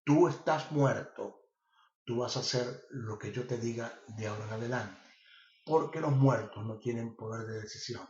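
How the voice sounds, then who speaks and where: A man voicing God as a stern yet patient male deity, speaking low and deliberately. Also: darkish tone, a little hiss or hum, lightly acted. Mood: solemn. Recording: roomy, slightly dull recording.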